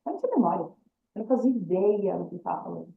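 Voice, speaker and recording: A woman's voice: mid-range voice, animated, rapid-fire, creaky. A woman telling her own story as a personal testimony, acting out the dialogue she recounts. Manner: storytelling that acts out quoted dialogue. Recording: echoey room, dull lo-fi sound.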